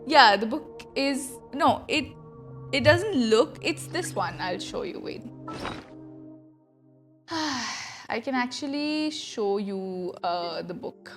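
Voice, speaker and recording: Faint music sits behind an Indian woman streaming a game, who talks casually in a giggly, scattered manner. She speaks slowly, on the high side, expressive with a fairly bright tone.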